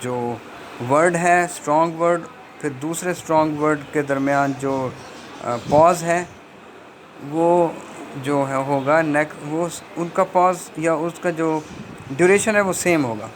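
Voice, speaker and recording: Man, linguistics lecturer, slow and deliberate, hesitant, faint background hiss. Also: on the high side. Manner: slow, deliberate explanation with many hesitations, reads English passages very slowly. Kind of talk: recorded lecture reading and explaining a textbook.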